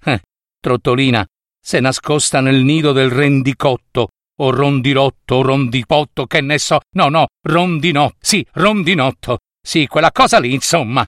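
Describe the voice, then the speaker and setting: A man's voice: medium pitch, normal speed, a bit bright, dry recording, clean studio sound, lightly acted. A man voicing a lovesick young male spinning top in a storybook who stammers and fumbles his words. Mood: muddled.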